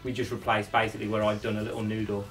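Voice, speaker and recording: A man's voice: fairly low pitch, little pitch movement, rapid-fire, creaky, fairly bright tone, far from the mic, faint music behind, poor audio. A male lead singer talking casually about recording a song, rambling with lots of fillers and restarts.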